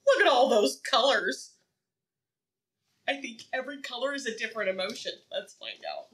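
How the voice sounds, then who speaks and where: With a fairly bright voice on the higher side, a preschool teacher leads an interactive story time, asking little ones questions in an encouraging sing-song and waiting for replies.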